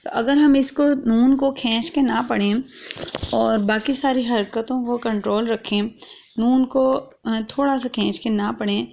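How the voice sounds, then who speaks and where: A woman's voice: on the high side, creaky, highs cut off, slight background noise. A woman teaching a Quran recitation lesson, who explains patiently, draws out letters and syllables, and mixes English words into her speech. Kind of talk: online lesson.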